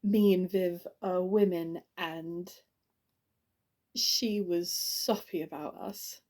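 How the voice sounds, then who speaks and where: An actress playing a grieving woman delivering a eulogy for her friend, halting and stammering with many restarts, in an audition monologue. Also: lowish voice, fairly even intonation, darkish tone. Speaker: actor.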